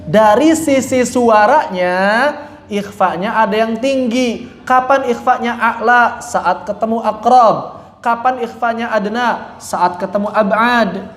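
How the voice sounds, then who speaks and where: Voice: medium pitch, slow. Echoey recitation teacher, explaining step by step. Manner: explains step by step, demonstrates sounds, asks and answers own questions; corrects mistakes firmly. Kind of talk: classroom tajwid lesson. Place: room with a class repeating after the teacher. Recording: echoey room, faint background noise.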